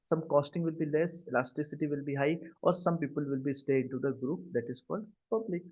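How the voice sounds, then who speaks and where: His voice is fairly high, a little mellow and breathy, and he talks fast. The man, who has an Indian accent, teaches cloud computing in a live video-call class, often pausing for short understanding checks over dull, lo-fi audio.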